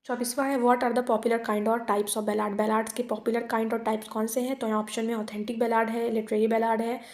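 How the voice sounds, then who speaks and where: A woman teacher works through exam multiple-choice questions, reading each one out slowly in English and then switching to quick Hindi explanations. Her voice sits fairly high and stays flat, with little rise and fall. The room gives it a noticeable echo. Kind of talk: exam quiz lesson.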